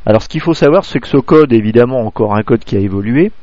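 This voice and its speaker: A man from France giving a spoken amateur radio lesson, halting, full of fillers and restarts, close to a clipping desk microphone. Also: medium pitch, expressive, a little mellow, dry recording, highs cut off.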